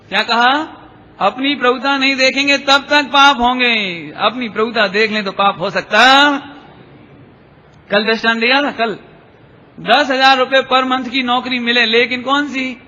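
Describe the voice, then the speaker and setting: High-voiced preacher singing verses in a hall. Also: male voice, bright, forceful tone. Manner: sings scripture verses slowly, then explains with questions to listeners. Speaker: Jain preacher. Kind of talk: devotional lecture with sung verses. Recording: dull lo-fi recording in a reverberant hall.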